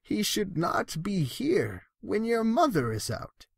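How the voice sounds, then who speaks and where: A man's voice: high voice, big pitch swings, takes it slowly, vocal fry, breathy edge, dry recording, pitched above the performer's own voice, full character voice. A man voicing an anxious little female pet fish from a storybook, fretful and insistent as she protests. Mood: alarmed, scolding.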